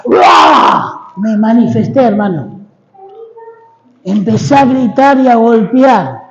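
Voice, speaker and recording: A man's voice: very high voice, animated, slow, dark tone, long reverb tail, lo-fi sound, a little hiss or hum. A middle-aged man with an Argentine accent preaching a sermon as a dramatic personal testimony, calling on the congregation to repeat his words. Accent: Argentine Spanish. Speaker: guest preacher. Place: church hall.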